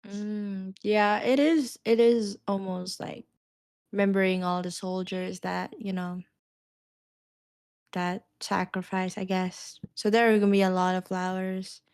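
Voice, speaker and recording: A woman chatting on a group podcast in a smooth, clear voice, recorded dry and close. She talks hesitantly, restarting her sentences and giggling. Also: medium pitch, fairly even intonation, unhurried, darkish tone, no echo. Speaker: vtuber podcast co-host. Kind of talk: casual group chat.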